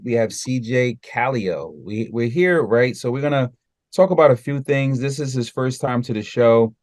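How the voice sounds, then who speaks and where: A man's voice: mid-range voice, a little mellow, no echo. Upbeat podcast host guy, dry close studio mic, mid voice. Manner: upbeat, welcoming. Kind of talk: interview show intro. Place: home studio. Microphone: large studio microphone on boom arm.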